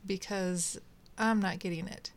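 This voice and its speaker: Woman voicing a calm, puzzled woman. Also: medium pitch, unhurried, close to an everyday voice. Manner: mild, bewildered replies.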